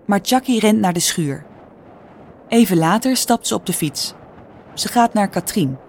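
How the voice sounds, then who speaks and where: A woman with a Dutch accent reading a children's story aloud in a calm, clear storytelling manner. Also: mid-range voice, a little slow, slight background noise. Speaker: narrator. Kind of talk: scripted storybook narration.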